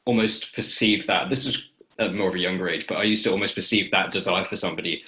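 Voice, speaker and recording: A man's voice: low-pitched, steady tone, quick pace. A man hosting a podcast interview, listening attentively and then sharing his own thoughts. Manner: attentive listener, gives quiet backchannels. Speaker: podcast host. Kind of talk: conversational interview.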